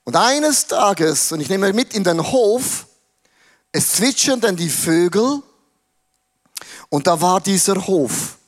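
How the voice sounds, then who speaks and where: A man's voice: high-pitched, lively intonation, slow, pauses often. A man preaching casually, retelling a story dramatically with slang. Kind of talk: sermon storytelling.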